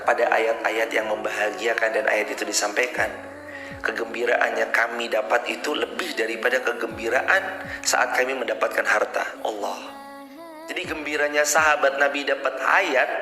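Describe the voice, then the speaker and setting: Preaching man in an echoey hall. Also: mid-range voice. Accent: Indonesian. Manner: animated, rhetorical questions to the congregation. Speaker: ustadz preacher. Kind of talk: sermon. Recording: echoey hall with music behind.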